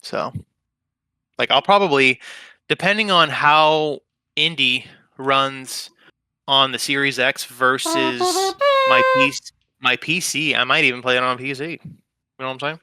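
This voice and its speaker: A man's voice: mid-range voice, lively intonation, a little slow, pushed and bright, clear, resonant tone. A young man co-hosting a podcast, chatting casually in a rambling, profane, laid-back way. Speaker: podcast co-host. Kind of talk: casual chat.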